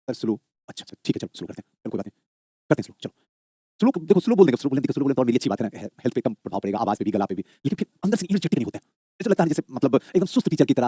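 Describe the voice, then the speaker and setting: A man's voice: high voice, breathy edge, no echo, clean studio sound. A man teaching history, coaxing students and answering his own questions. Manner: fast, lively, repeats questions and answers them himself; coaxing, calls students "babu". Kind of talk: live online exam-prep lecture.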